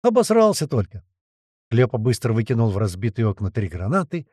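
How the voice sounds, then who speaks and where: A man's voice: lowish voice, expressive, fast, a little mellow, no room sound, clean studio sound. A man reading a first-person audiobook in a blunt, swearing storytelling manner. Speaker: audiobook reader.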